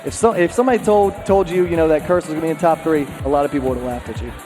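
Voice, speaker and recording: Male esports caster, high voice, shouty hype calls, slightly worn voice, loud event music behind. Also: racing, a crowd in the background, low-quality recording. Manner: excited shouting play-by-play that drops to calmer wrap-up chat. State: voice getting worn from a long weekend. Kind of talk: live esports commentary. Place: live tournament auditorium.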